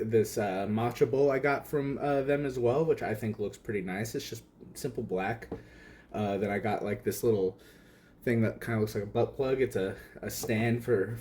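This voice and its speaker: A man's voice: medium pitch, darkish tone. A young man hosting a tea channel, chatting casually and hesitantly with many fillers while he demonstrates.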